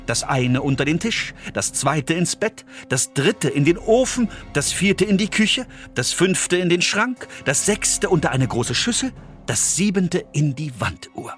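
A man reads a fairy tale aloud with an animated, rising and falling voice. He drops low and soft at tense moments, over quiet background music. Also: a little slow. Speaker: narrator.

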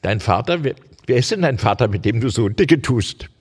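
A man's voice: mid-range voice, lively intonation, moderate pace, husky. A man reading a spirited schoolgirl in a hall. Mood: curious. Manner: read in the reader's own voice, barely changed. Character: quick-tempered, spirited young schoolgirl. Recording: reverberant hall.

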